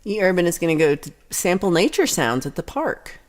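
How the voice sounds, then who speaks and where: Reading her chat out loud, a young Texan livestream host rambles through casual conversation. She speaks a little fast in a lowish voice that swings widely in pitch.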